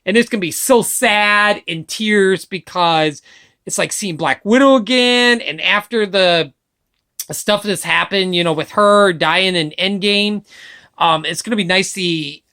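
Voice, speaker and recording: A woman vlogging casual opinion chat, excitable and gushing, swearing casually, filmed on a webcam or phone. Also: fairly low pitch, unhurried.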